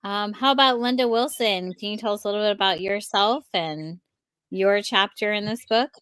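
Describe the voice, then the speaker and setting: A woman with a medium-pitched, fairly bright and clean voice, recorded with no room sound, hosts a live book-launch stream over a video call. She introduces her guests enthusiastically and speeds up when handing over to them.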